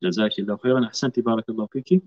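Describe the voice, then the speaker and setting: A man's voice: lowish voice, racing, a little mellow. A man teaching a Quran recitation class online. He patiently corrects students and models each word for them to repeat. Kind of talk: online tajweed class instruction. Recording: lo-fi online call audio.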